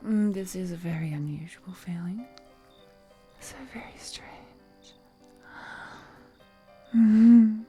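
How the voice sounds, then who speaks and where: In a breathy, mellow whisper pitched on the low side, a woman slowly voices an ancient vampire seductress. She teases, flirts possessively, and purrs endearments in the style of an intimate roleplay audio drama, with music underneath.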